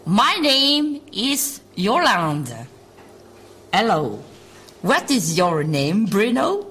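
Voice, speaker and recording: A woman voicing a dog who gives a slow, exaggerated schoolbook English lesson in a comedy clip. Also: medium pitch, very animated, a bit bright, slightly rough, heavily acted. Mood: mock-solemn.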